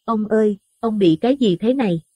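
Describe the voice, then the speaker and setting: A man's voice: high voice, a little fast, mellow, no room sound, voice pushed up. A man voicing a terrified middle-aged village wife, pleading and chanting in panic. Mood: frightened.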